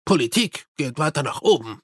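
A harried army major, as a male narrator puts him on in an audiobook, tired and exasperated, firing off terse questions. His voice sits fairly high for a man. It sounds close and dry. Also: big pitch swings, moderate pace, husky, no room sound.

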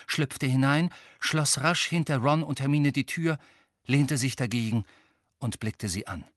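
A man narrating an audiobook with lively, tense storytelling. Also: mid-range voice, no echo, clean studio sound. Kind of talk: scripted narration.

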